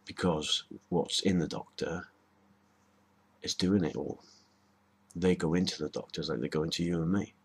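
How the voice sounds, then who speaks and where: Brief: man, very low and husky voice, rambling casual monologue host. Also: fairly even intonation, normal speed. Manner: rambling, hesitant, with frequent ums and restarts. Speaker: video host.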